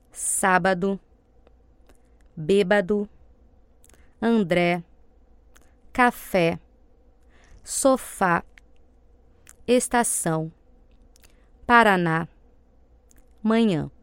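A woman slowly reading single example words for a pronunciation lesson, each one clearly enunciated. Her voice is smooth and resonant, and the recording is dry and close. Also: medium pitch, no echo. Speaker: example reader.

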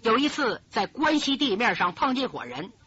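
A woman telling a martial-arts story in the traditional storytelling style, dramatic and animated, in a dull lo-fi recording. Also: fairly high pitch, brisk, husky. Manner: animated, dramatic, voices every character.

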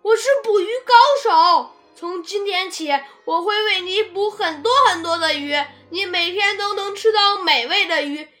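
A woman's voice: extremely high pitch, moderate pace, few pauses, pushed and bright, faint music behind, pitched above the performer's own voice. A woman voicing a timid, tearful baby spinosaurus boy in a picture-book read-aloud, childlike and pleading.

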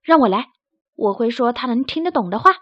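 A woman's voice: on the high side, animated, a little fast, no room sound. A woman voicing a chubby, greedy field mouse who boasts and makes threats. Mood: boastful. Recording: dry, slightly dull recording.

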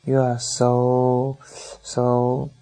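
A man putting on the voice of an overexcited young man who speaks broken English, eager and shouting in bursts. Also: medium pitch, little pitch movement, slow, poor audio.

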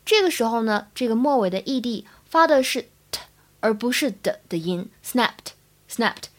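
A young Chinese woman teaches spoken English in a podcast-style lesson, walking through pronunciation step by step with an upbeat manner. Her voice sits on the high side, with lively intonation and a normal pace.

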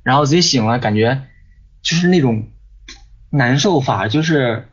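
A man's voice: mid-range voice, animated, normal speed, slightly rough. A man, talking as a guest who tells a personal story at length, repeating words and often asking "you know?". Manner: rambling, repeats words, frequent "你知道吗". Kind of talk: casual storytelling on a ghost-story podcast. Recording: dull lo-fi sound with faint music behind.

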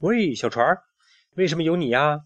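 A man's voice: a little high, lively intonation, normal speed, no room sound, highs cut off, pitched above the performer's own voice, natural voice. A man voicing a small, timid, curious boy who asks plaintive questions. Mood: wistful.

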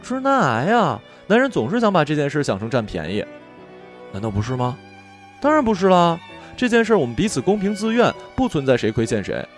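A man voicing a bold, playful young woman roommate in an audio story, pitching his voice up and talking in a brisk, coaxing way. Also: sing-song, soft background music.

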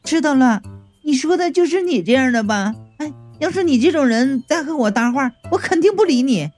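A man voicing a tearful, sharp-tongued young woman in a comic audiobook, snapping back between sobs. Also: sits high, lively intonation, fairly quick, soft background music, pitched above the performer's own voice. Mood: snippy.

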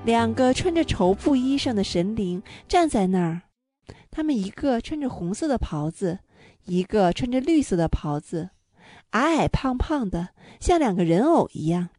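A woman narrating a children's storybook with a gentle, clear delivery. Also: a little high, big pitch swings, moderate pace, no echo, studio quality.

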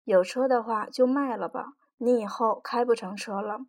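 Middle-aged male doctor, calm, pitying, matter-of-fact, voiced by a woman reader. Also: a little high, normal speed. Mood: sympathetic.

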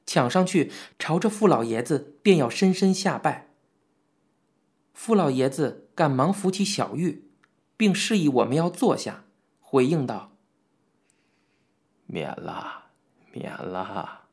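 A man reading a novel aloud as an audiobook narrator, in a measured, even storytelling manner. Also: on the high side, slightly rough. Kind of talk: scripted narration.

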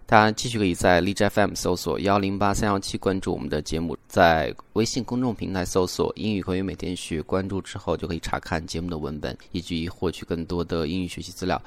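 A young man hosting an English lesson podcast, explaining patiently and demonstrating rising and falling intonation on example words. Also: low voice. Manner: explains slowly, demonstrates English intonation with exaggerated rises and falls. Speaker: English teacher and podcast host. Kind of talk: bilingual language lesson.

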